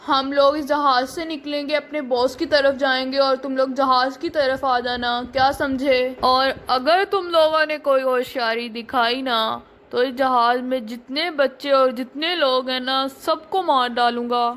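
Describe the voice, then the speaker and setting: A woman's voice: sits high, fairly even intonation, a little slow, hardly any pauses, fairly bright tone. A woman voicing a menacing male plane hijacker who barks threats in a doll story. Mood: threatening. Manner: threatening, barking orders. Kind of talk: doll story role-play.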